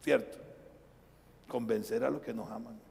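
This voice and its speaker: A Colombian man preaching a live sermon as pastor, swinging between loud preaching and quiet, low asides. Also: steady tone, measured pace, gravelly. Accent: Colombian Spanish. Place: church sanctuary. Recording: reverberant church livestream.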